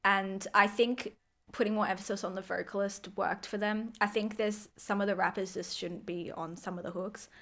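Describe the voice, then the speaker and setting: A woman's voice: mid-range voice, steady tone, moderate pace, a bit bright. A young woman, co-hosting a podcast and telling stories in a loose, chatty way, full of fillers and casual swearing. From Australia. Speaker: podcast co-host. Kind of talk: casual chat.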